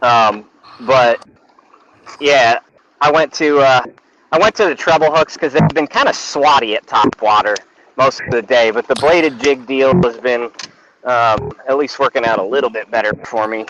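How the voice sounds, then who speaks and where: A man's voice: mid-range voice, normal speed. Man on a lo-fi phone mic outdoors. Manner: hesitant, full of fillers. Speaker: guest angler calling in. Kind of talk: casual chat. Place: outdoors on a river. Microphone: phone microphone. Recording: dull lo-fi phone audio with noise.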